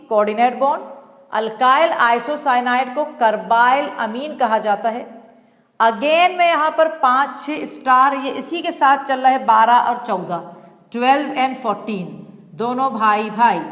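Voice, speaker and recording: A woman chemistry teacher lecturing a class, switching between Hindi and English as she dictates and quizzes students. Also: a little high. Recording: roomy classroom with long reverb.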